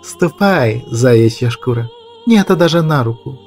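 A man's voice: medium pitch, lively intonation, a little slow, a little mellow, soft background music, natural voice. A man doing a sneering cruel huntress. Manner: sneering, hissing, mocking. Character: cruel, scornful female bandit huntress leader. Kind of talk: audiobook character voice.

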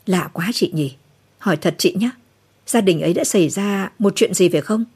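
A woman's voice: mid-range voice, normal speed, a little mellow, husky. A woman voicing a weary middle-aged man who speaks politely and awkwardly. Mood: subdued. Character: weary middle-aged male war cameraman.

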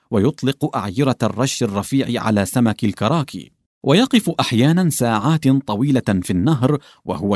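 A man narrating a literary story in an expressive, theatrical storytelling manner. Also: medium pitch, no room sound, studio quality. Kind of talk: literary audiobook reading.

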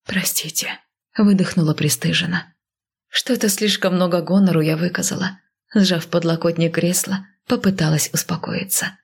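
A woman reads a novel aloud in the first person, in a low, gravelly voice with a husky grain. Her delivery is hushed and soft and at times drops to a whisper. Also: steady tone, normal speed. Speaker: audiobook narrator. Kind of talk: first-person scripted narration.

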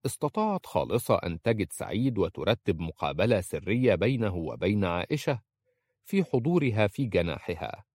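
Male narrator, low voice, measured storybook reading, dry close recording. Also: sing-song, a little mellow, dry recording. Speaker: audiobook narrator. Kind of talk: scripted narration.

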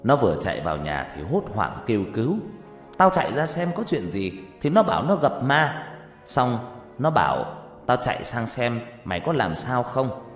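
A man's voice: mid-range voice, sing-song, moderate pace, close to an everyday voice. A man voicing a worried middle-aged village man, talking bluntly. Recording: echoey room with faint music.

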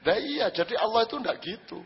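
Man preaching, husky high voice, dull lo-fi recording in a big echoing hall. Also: lively intonation, fast talker. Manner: conversational, rhetorical questions, acts out quoted speech. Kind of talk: religious talk to a live audience.

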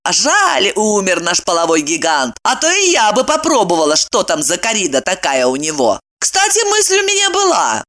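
A woman reading a story aloud, voicing a brash, sharp-tongued young woman who scolds and exclaims. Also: medium pitch, wildly swooping pitch, normal speed, hardly any pauses. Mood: indignant.

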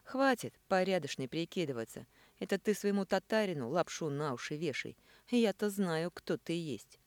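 A woman's voice: fairly low pitch, animated, dry recording, lightly acted. A woman voicing a brash, boozy middle-aged man who sneers and flares into anger, reading an audiobook. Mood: mocking. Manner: sneering, loud, quick to anger.

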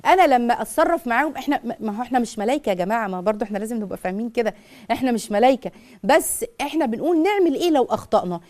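A middle-aged Egyptian woman hosts a live call-in advice show on parenting. Her voice sits high for a woman and her words tumble out at great speed. She keeps it lively by acting out what mothers say. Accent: Egyptian Arabic. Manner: rapid, animated, acts out mothers' words.

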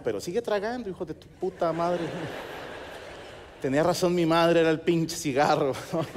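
High-voiced Mexican comic in a hall. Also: male voice, a little mellow, a little hiss or hum. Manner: crude slang, acts out voices in quick asides. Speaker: stand-up comedian. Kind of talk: stand-up comedy set. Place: large theater stage, live audience.

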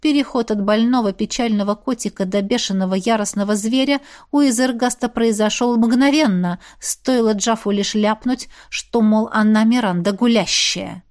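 A woman narrating a fantasy romance audiobook in an even storytelling manner. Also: fairly high pitch, normal speed, few pauses.

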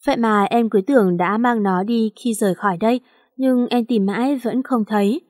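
A woman's voice: a little high, moderate pace, darkish tone, no echo, clean studio sound, natural voice. A woman voicing a tearful young woman in a romance audiobook, pleading and questioning. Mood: wistful.

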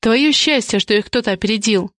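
A woman voicing a shrewd, sharp-tongued female friend who probes and insinuates, in an audiobook. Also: a little high, a little fast, no room sound, studio quality, natural voice. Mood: probing. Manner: probing, insinuating. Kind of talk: audiobook character reading.

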